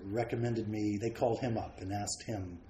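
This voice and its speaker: A man raised around the United States, a painter guest, telling frank, self-deprecating stories about his life in a relaxed way. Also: lowish voice, normal speed, a little hiss or hum. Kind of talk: relaxed anecdotal storytelling. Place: large home studio. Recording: roomy studio with faint ambience.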